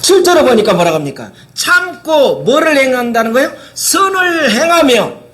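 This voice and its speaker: A man preaching a sermon as pastor, constantly asking his listeners rhetorical questions and dramatically acting out the words of biblical figures. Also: on the high side.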